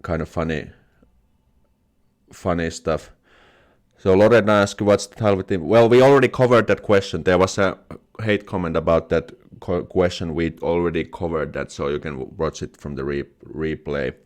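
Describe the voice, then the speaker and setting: A young man from Finland, speaking with a Finnish accent, hosts a YouTube live stream where he reads comments aloud, laughs things off, and keeps restarting words. His voice sits low and moves at normal speed.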